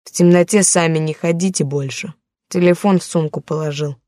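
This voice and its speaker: A woman reading the part of a gruff young male gang leader giving curt orders in an audiobook. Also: sits low, steady tone, a little fast, mellow, no room sound, studio quality, close to an everyday voice. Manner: curt, commanding.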